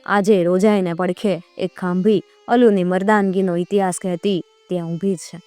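A woman storyteller with a Kathiyawadi accent recounts a heroic folk legend. Her telling is vivid and dramatic, in a mid-range voice. The recording is dry and close, with soft music underneath. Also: on the low side, steady tone, moderate pace, dry recording. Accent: Kathiyawadi Gujarati. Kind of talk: dramatic folk tale narration.

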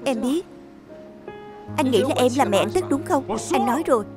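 A woman voicing a worried young husband and son in an even, plain dubbed reading. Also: high-pitched, moderate pace, over music. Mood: exasperated.

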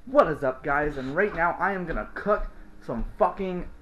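A man's voice: on the high side, expressive, moderate pace, a bit bright, reverberant, recorded from a distance, dull audio. Man, 20s, drunk vlogger doing loose casual kitchen how-to; slightly noisy camera audio. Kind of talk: casual amateur cooking demonstration. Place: home kitchen, indoors. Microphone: handheld camera, later set across the room.

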